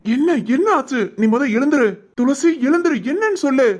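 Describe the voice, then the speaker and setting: A woman voicing an eager young man in love in an animated village family story, with a southern Tamil Nadu accent, speaking affectionately and chuckling often. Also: high-pitched, moderate pace. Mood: alarmed.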